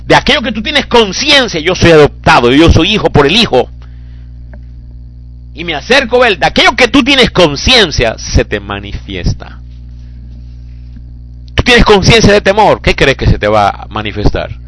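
A man's voice: on the high side, sing-song, moderate pace, long pauses, a bit bright, soft background music. A man preaching a sermon as pastor, impassioned and fervent, building into cries.

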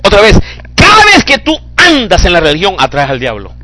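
Pastor, male, high and animated voice, bright tone, dramatic swings from hush to shouting. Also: fairly quick, rough recording. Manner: dramatic preaching, swings from low murmurs to shouted cries. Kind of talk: sermon.

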